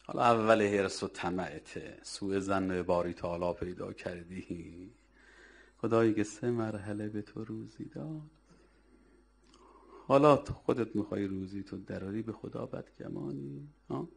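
Very deep-voiced man preaching a sermon. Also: vocal fry. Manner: exhorting, rhetorical questions, scolding the listener. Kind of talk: religious sermon.

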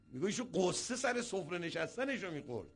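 A man, a cleric, preaching a sermon as an animated storyteller who acts out the people he quotes. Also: high voice, breathy edge.

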